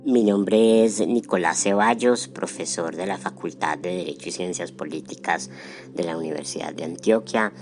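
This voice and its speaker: A man's voice: sits low, normal speed, darkish tone, soft background music. A man with a Colombian accent, a professor answering interview questions informally. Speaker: law professor, interview participant.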